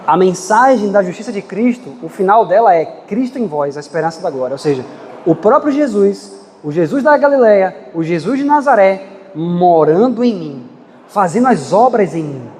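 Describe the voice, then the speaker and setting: A man preaches a fiery sermon in a very high voice, swinging between rushed and drawn-out phrases. His voice carries a long reverb, as if filling a big church hall. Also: expressive, a little mellow, slight background noise. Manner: impassioned, dramatic swings in pitch and pace.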